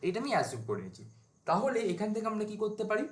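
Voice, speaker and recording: A male teacher gives a whiteboard lecture to students. His voice sits a little high, and he keeps asking questions and answering them himself. The room adds a noticeable echo. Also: huge pitch swings, very fast. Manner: informal, asks and answers his own questions. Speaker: civil engineering teacher.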